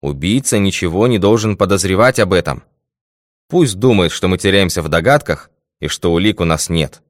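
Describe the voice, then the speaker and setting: A calm, methodical detective speaks in a measured, confident way, as a man reads him aloud. The voice sits deep and low. The sound is close and dry, with no room around it. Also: no echo. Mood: assured.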